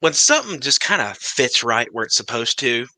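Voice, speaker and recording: A man's voice: medium pitch, very animated, moderate pace, bright, forceful tone, no room sound. A man who works as a mechanic, a podcast guest chatting casually and laughing often. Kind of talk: casual chat.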